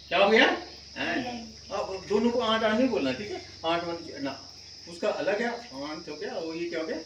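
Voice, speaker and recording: High-voiced male teacher in an echoey room. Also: sharp tone, distant mic, slight background noise. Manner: explains patiently, often checks with "thik hai". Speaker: school teacher. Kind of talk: classroom lesson to children.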